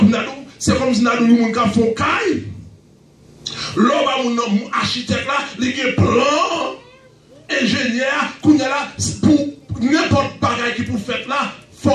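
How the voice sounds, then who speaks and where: High-voiced Haitian pastor preaching fervently. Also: male voice. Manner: fervent preaching with shouted bursts and a repeated refrain. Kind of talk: sermon. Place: church sanctuary. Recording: echoey church recording from far off.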